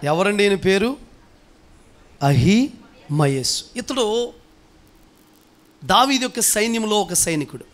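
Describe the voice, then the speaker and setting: High-voiced pastor preaching with emphasis. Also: male voice, animated, slow pace, long pauses, a bit bright. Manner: emphatic, fires rhetorical questions, calls the congregation to respond. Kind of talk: sermon.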